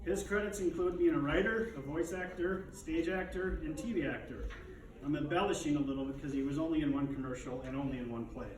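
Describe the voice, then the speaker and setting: A man's voice: a little high, brisk. A man delivers a prepared eulogy as a son, with dignified, restrained grief and wry, fond humor. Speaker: son giving a eulogy for his father. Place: echoey room, speaking to a gathering. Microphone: distant microphone. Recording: echoey, distant, noisy room recording.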